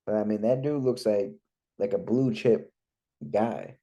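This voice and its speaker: A man's voice: fairly low pitch, unhurried, dark tone, muffled recording. A man co-hosting a podcast, chatting casually and joking. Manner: laid-back, joking, trails off into laughs. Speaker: podcast co-host. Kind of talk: casual chat.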